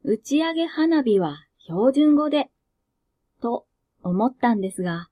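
A woman with a Kansai accent who reads short fiction aloud and then chats about it in a soft, self-mocking way. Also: on the high side, very animated, measured pace. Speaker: narrator and host of a reading channel. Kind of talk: reading flash fiction aloud, then casual chat.

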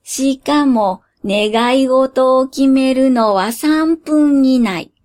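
A woman voicing a shady, lanky middle-aged male genie from a cup of noodles, speaking in a slow, old-fashioned, folksy drawl. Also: high-pitched, darkish tone. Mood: sly. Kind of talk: storybook character voice.

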